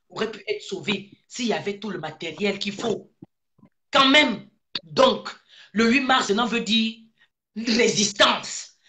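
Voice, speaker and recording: Woman from gabon giving a fiery speech, repeats herself, rhetorical questions, bright edgy voice. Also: medium pitch. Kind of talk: impassioned political speech.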